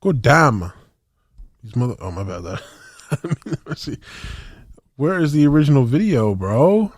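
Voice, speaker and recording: A man's voice: medium pitch, sing-song, moderate pace, slightly rough, no room sound, studio quality. A young man on a podcast, telling a story in rambling, slangy casual chat with lots of restarts. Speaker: podcast co-host.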